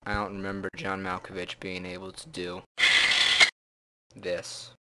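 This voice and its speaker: A man voicing a smug, wealthy male villain who talks coldly and calmly. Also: sits low, unhurried, very noisy. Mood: menacing.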